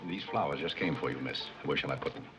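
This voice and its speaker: An actor playing a composed, deferential butler in 1930s screwball comedy banter, formal, measured and deadpan. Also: male voice, extremely low pitch. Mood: polite deadpan. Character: composed, deferential, dryly dignified male butler. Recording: old 1930s film soundtrack, music behind.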